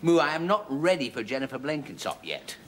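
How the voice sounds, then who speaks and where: A flustered, wry son. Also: male voice, fairly high pitch, big pitch swings, fairly quick, a bit bright, slight background noise. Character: timid middle-aged son, weary and fussed. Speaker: grown son in a sitcom.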